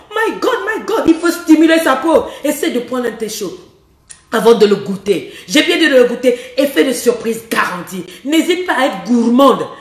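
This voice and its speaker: A high-pitched woman with a hoarse edge to her voice gives frank relationship advice as a coach. She is bold and teasing, laughing between lines and speaking right to her listener. The sound carries a roomy echo. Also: recorded from a distance. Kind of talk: frank advice monologue to women viewers.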